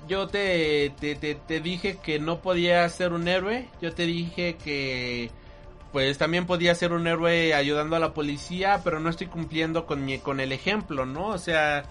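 Man voicing a deflated hero mentor, stammering, high voice. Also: fairly bright tone, soft background music. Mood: remorseful. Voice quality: halting, stammering. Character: weary deflated male hero mentor, self-doubting.

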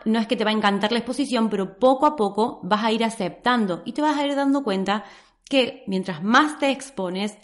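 A woman giving friendly advice straight to her viewers, speaking in an encouraging, reassuring way about getting comfortable on camera. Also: a little high. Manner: encouraging, addresses the viewer directly. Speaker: social media coach. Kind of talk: advice vlog talking to camera.

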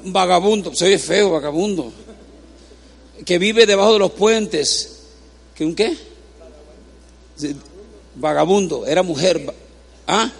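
A man's voice: high-pitched, a little slow, gravelly, long pauses, husky. A man preaching a humorous sermon in a church, joking with the congregation and having them repeat words after him.

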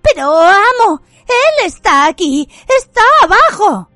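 A woman's voice: very animated, slow, pushed and bright, no room sound, soft background music, full character voice. Bellatrix, a shrieking fanatical witch, as a woman puts her on. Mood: frantic. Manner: shrill, screeching.

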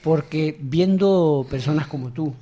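A man's voice: fairly high pitch, a little slow, mellow, slight background noise. A man hosting a radio interview, asking leading, chatty questions and finishing his guest's sentences. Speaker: radio host.

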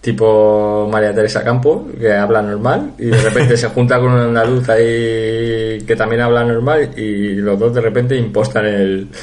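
A man in a casual comedy chat, making dry, deadpan remarks. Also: fairly low pitch, moderate pace, few pauses.

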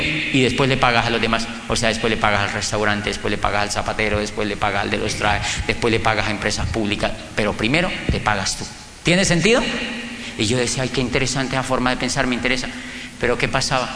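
A middle-aged Colombian man, a motivational speaker and business coach, delivers an emphatic talk to a live audience in a large hall, his medium-pitched voice sharp in tone. He tells personal stories, fires off rhetorical questions and acts out dialogues. The recording has an echoey hall sound with faint background noise.

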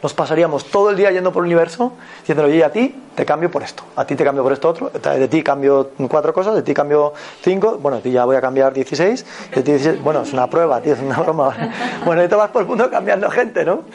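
A man with an accent from Spain giving a motivational talk as a personal growth mentor, animated and repetitive, often checking in with his listeners. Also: on the high side, fast talker. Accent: Spain Spanish.

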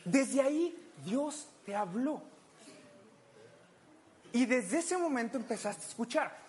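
A woman's voice: on the high side, expressive, slow pace, darkish tone. A woman with a Mexican accent preaching a conversational sermon, playful and jokey, acting out little scenes for her listeners. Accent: Mexican Spanish.

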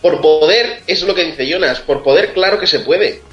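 A man from makes his points emphatically and repeats them. His voice is a little high, picked up in a roomy space on a dull-sounding mic. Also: moderate pace, faint music behind. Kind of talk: casual chat.

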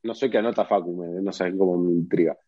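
Low-voiced man chiming in on a show. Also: steady tone, fast talker, no room sound, highs cut off. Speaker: racing show co-host. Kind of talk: casual live show chat.

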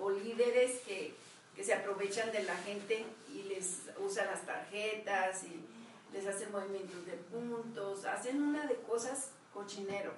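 A woman's voice: mid-range voice, slight background noise. Woman chiming in, echoey room. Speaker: group member. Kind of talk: casual group discussion. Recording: echoey room, far from the mic.

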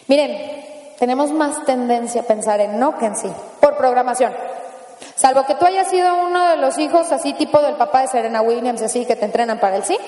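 A woman with a Mexican accent speaks to an audience in a lively motivational talk, tossing out rhetorical questions and playful asides. Her voice sits high. The sound rings with the long reverb of a large hall. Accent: Mexican Spanish.

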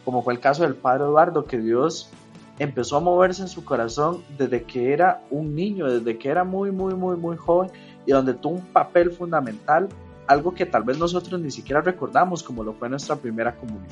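A man's voice: fairly high pitch, normal speed, muffled recording, soft background music. A man co-hosting the program, enthusiastic and piling up emphasis. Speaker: podcast co-host.

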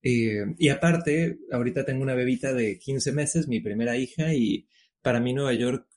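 A man's voice: medium pitch, normal speed. Frank Mexican man chatting. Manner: relaxed, frank, swears casually. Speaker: guest entrepreneur. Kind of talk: casual interview.

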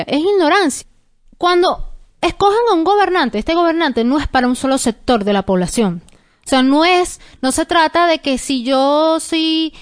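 A young adult woman co-hosting a casual podcast, explaining things in an earnest, steady way. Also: high voice, clean tone. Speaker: podcast co-host.

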